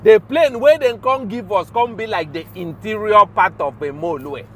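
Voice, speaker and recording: A man with a notably high voice and a Nigerian accent delivers an informal rant as a show host. He speaks haltingly and emphatically, often repeating himself. There is faint noise behind him, like urban or vehicle ambience. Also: a bit bright. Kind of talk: informal spoken rant in Pidgin.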